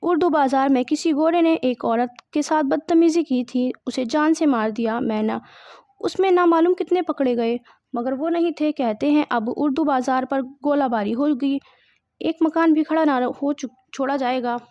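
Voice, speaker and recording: A woman's voice: high voice, warm tone, no echo, highs cut off, natural voice. Woman reading as a frightened, pleading wife. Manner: pleading, read from a script.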